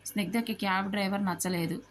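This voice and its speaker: A woman's voice: mid-range voice, fairly even intonation, fast. Woman storyteller, narrated family story, reads all the lines herself, English words mixed in, occasional restarts. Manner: reads dialogue of all characters in her own voice; mixes English words into Telugu.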